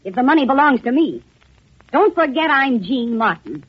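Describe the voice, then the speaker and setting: A brash, husky young hustler. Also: female voice, high-pitched, very animated, normal speed, heavily acted. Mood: defiant. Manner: slangy, tough-talking. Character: tough brash young woman, defiant hustler. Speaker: young woman claiming to be a lost heiress. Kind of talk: 1940s radio acting. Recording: dull lo-fi 1940s radio recording.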